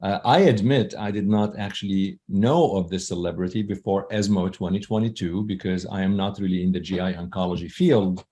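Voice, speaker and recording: A man hosting a podcast interview, enthusiastic and animated as he introduces his guest and asks questions. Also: lowish voice. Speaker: podcast host.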